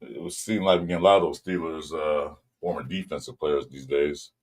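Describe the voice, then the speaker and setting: Deep-voiced laid-back Southern California podcast host. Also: male voice, steady tone, moderate pace, darkish tone. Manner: loose, rambling delivery with many ums, greets viewers mid-talk. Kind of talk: casual sports podcast chat.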